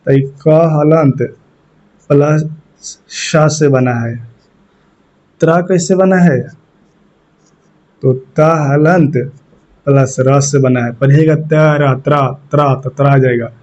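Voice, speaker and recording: A man's voice: medium pitch, takes it slowly, pauses often, mellow. A man teaching an exam-focused Hindi grammar lesson, repeating key points and quizzing his students. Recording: muffled lo-fi recording.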